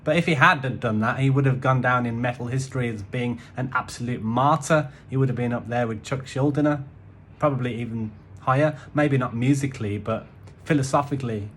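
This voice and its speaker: A man's voice: medium pitch, a little fast, fairly bright tone, a little hiss or hum. A man giving a casual, rambling album review with wry asides, using musician's terms like semiquavers and odd time signatures.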